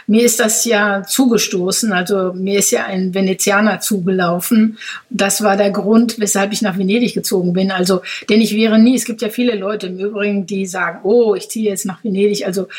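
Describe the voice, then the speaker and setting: A woman's voice: mid-range voice, breathy edge. A woman in her fifties, from Germany's Ruhr area, giving thoughtful interview answers that circle back with qualifiers. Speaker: interview guest.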